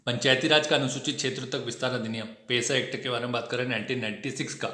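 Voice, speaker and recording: A man teaching an exam-prep lesson in a brisk, chatty way, often checking in with his students. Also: mid-range voice, steady tone, bright, forceful tone, echoey room. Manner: brisk, chatty explaining with frequent "ठीक है" check-ins. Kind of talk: test discussion lesson.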